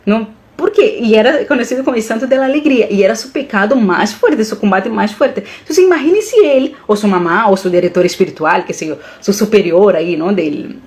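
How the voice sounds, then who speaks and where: A woman holds forth on a live stream, drifting between Portuguese and as she goes. Her talk is animated and earnest, and at moments she is moved by her own words. Her voice sits at an ordinary middle pitch. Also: a little fast, hardly any pauses. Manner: animated, mixes Portuguese and Spanish, emotional.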